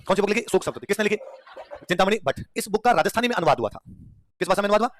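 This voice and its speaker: A man's voice: sits high, lively intonation, very fast. A man teaching an exam revision lecture, firing questions at the class and repeating them, with laughter between points. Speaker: history teacher.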